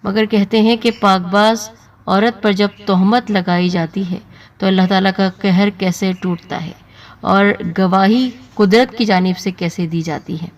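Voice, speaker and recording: A woman storyteller narrating an emotional story in a steady, dramatic manner. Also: mid-range voice, distant mic.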